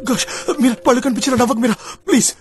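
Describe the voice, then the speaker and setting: A man's voice: very high-pitched, fairly even intonation, a little fast. An actor dubbing a brash young man who mocks his date rudely and mixes English into his Telugu. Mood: mocking.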